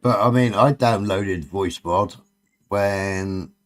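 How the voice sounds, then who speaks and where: A man's voice: low voice, takes it slowly. A man with a Cornish accent chatting casually on a late-night livestream, bantering and swearing freely. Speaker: live stream host.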